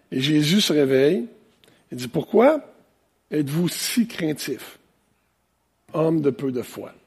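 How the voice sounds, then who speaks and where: A man with a Quebec French accent preaching an animated, conversational sermon with plenty of asides. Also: fairly high pitch, gravelly, breathy edge. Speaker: pastor. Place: church, preaching to online viewers.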